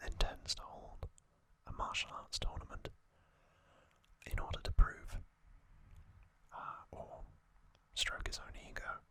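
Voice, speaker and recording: The narration comes from an adult ASMR host, whose soft, deliberate whisper breaks often into short, reflective phrases.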